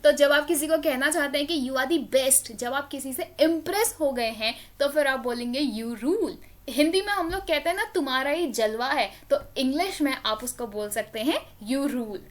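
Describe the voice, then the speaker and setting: A woman with an Indian accent teaching English vocabulary, explaining each word step by step and mixing Hindi with English. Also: sits high. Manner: explains slowly, switching between Hindi and English. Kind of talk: vocabulary lesson.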